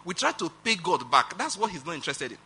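A man with a Nigerian accent preaching a sermon as pastor, animated and emphatic, with rhetorical questions and chuckles. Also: fairly high pitch, fast, husky.

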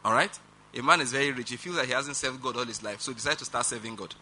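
A man with a Nigerian accent preaching a sermon as pastor, animated and emphatic, with rhetorical questions and chuckles. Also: mid-range voice, quick pace, a little hiss or hum.

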